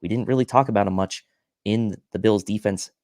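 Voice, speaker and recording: A man's voice: on the low side, a little fast, darkish tone, dry recording, clean studio sound. A man co-hosting a football pregame show, breaking down the matchup with stats in an analytical way. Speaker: podcast co-host. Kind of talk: sports pregame talk show.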